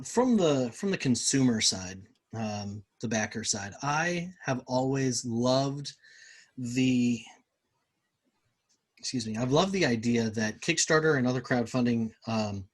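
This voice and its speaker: Chatty man laughing through a game interview. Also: medium pitch. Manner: relaxed, chatty, laughs easily. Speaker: game designer guest. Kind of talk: casual interview chat.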